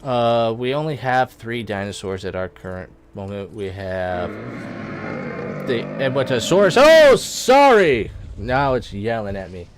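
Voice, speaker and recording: A young man giving casual, rambling let's-play commentary, full of fillers and self-corrections, with excited bursts when something in the game surprises him. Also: lowish voice, a little slow, a little hiss or hum. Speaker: gaming YouTuber.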